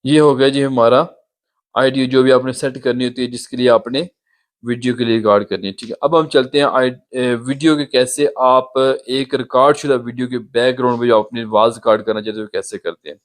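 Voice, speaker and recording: A YouTube tutorial host walks through an app step by step, patiently pointing out things on the screen. His medium-pitched voice is fairly even and brisk, and the recording was made on a phone.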